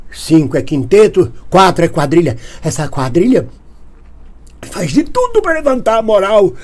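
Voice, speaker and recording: A husky man with a Brazilian Portuguese accent performs a satirical monologue as a paranoid right-wing figure. Sounding alarmed and indignant, he swings between hushed whispers and loud, high-pitched outbursts.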